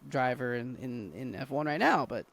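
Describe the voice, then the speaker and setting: Man, podcast co-host, casual chat, teasing, skeptical, mid pitch. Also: moderate pace, gravelly, fairly bright tone, no echo.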